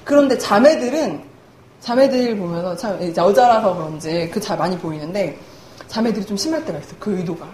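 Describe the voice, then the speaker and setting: Speaking fairly quickly in a mellow, mid-range voice, a young woman gives a lighthearted sermon in a church hall. She mocks herself in a chatty way and laughs a lot, and the audio is echoey with faint room noise.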